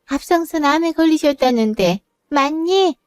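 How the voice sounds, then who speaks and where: A woman's voice: high-pitched, animated, moderate pace, no echo, clean studio sound. A woman voicing an older mother-in-law who speaks in a firm, motherly, scolding way. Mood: firm, caring. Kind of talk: narrated drama voice acting.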